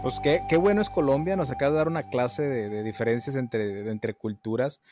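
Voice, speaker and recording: A man with a northern Mexican accent, hosting a casual podcast interview, asking curious questions with frequent halting restarts. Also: mid-range voice, over music. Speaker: podcast host.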